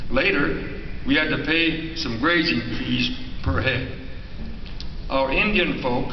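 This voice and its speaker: An American man in his eighties or older, reminiscing in a halting, deliberate way as he introduces a cowboy poem. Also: fairly high pitch. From rural Montana, United States. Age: 80s or older. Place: large echoey hall at a live gathering. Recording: echoey hall from far off, dull, faint noise.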